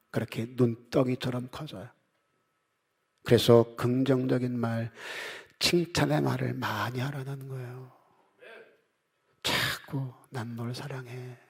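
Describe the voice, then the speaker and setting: A man's voice: medium pitch, flat delivery, a little slow, creaky, a little mellow, slightly rough. A man preaching a Sunday sermon as pastor, emphatic and repeating his phrases, acting out the voices he quotes. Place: church sanctuary.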